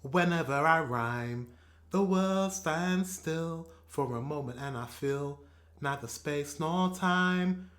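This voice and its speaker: A man from England with a British accent, reacting to a song in a casual, excitable way and swearing and laughing often. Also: fairly high pitch, takes it slowly, reverberant. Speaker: reaction video host. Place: room at home with a shelf behind him.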